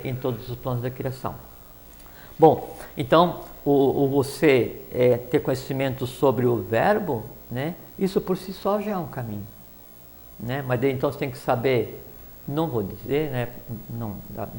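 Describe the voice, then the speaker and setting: A man's voice: mid-range voice, a little mellow, slight background noise. A man explaining spiritual teachings in a rambling talk, with many fillers and restarts.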